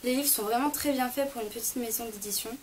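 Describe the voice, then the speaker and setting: A young woman talks through a casual book haul on camera, her voice sitting a little high. She chats on with frequent hesitations and quick self-corrections. A faint hiss runs under the recording. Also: low-quality recording. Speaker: book vlogger.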